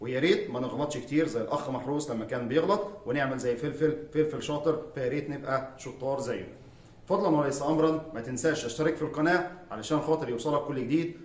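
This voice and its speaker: A man teaching English in Egyptian Arabic, chatty and upbeat, often checking in with his listeners. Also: medium pitch. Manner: upbeat, chatty teacher who repeats "tamam?". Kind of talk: friendly explainer lesson. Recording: echoey room.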